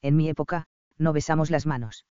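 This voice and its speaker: A man voicing a defiant modern young woman stranded in the past, in an audiobook, speaking quickly. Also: fairly high pitch, fairly even intonation, mellow, clear, resonant tone, no echo, highs cut off, close to an everyday voice. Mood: wary. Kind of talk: audiobook character reading.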